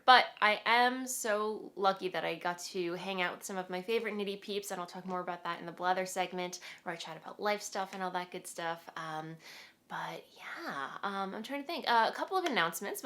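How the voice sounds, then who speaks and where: A woman's voice: medium pitch, fairly bright tone. Woman, knitting vlog host, congested and nasal from a cold, loose rambling chat. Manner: chatty and rambling, with fillers and laughs. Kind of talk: casual chat to camera.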